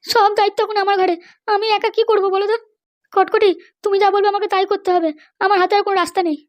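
Fretful cartoon mother, high-pitched and rapid, a woman voicing her. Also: fairly even intonation, no room sound. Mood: pleading. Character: anxious, pleading middle-aged mother of a groom. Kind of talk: cartoon voice acting.

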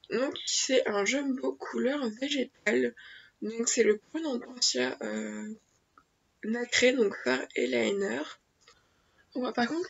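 Sitting in her small attic bedroom, a teen girl who runs a beauty channel does a casual daily unboxing vlog, stumbling through fillers and restarts while congested from a cold. She speaks on the high side with vocal fry, a slightly bright tone and a breathy edge. It's captured on a built-in webcam mic, so the audio is dull, lo-fi and faintly noisy.

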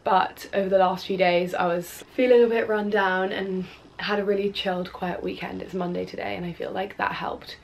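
A Welsh woman in her twenties, a cook and influencer, answers viewer questions to a tripod camera in her bedroom, chatting and rambling with fillers and restarts while sounding stuffy from a cold. Her mid-range, creaky voice has fairly even intonation at normal speed, in a rough recording with slight background noise.

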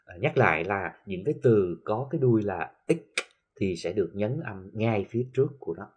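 Husky Southern Vietnamese male teacher. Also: fairly low pitch, lively intonation. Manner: explains slowly, many "ờ" fillers, reads English examples slowly. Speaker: English teacher. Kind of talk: recorded classroom lesson for TV.

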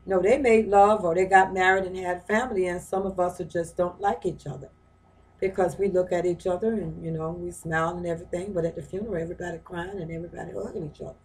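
Woman, lowish voice, conversational lecturer who circles back on phrases and asks rhetorical questions. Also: steady tone, fast talker, a little mellow, rough recording. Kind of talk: informal lecture on a reading. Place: her home.

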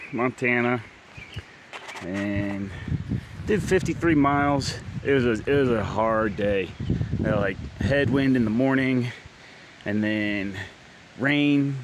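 A man talks into a handheld camera outdoors, rambling and candid, circling back with "like" and restarting his sentences. His voice sits at an ordinary middle pitch, and clear wind noise and rustling from the open countryside run under the recording. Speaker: bikepacking vlogger. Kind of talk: casual trail vlog to camera. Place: outdoors at a rural campground, wind.

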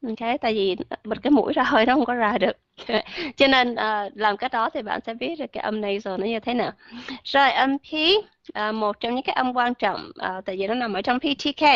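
A woman teaching English pronunciation in an online class, explaining patiently and modeling words slowly. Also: fairly high pitch, no echo, muffled recording.

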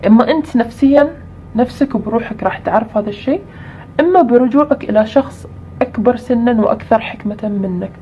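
A woman's voice: a little high, quick pace. Woman, tarot reader, talks viewers through choices, dull slightly noisy recording. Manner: explanatory, repeats points with listed either-or examples.

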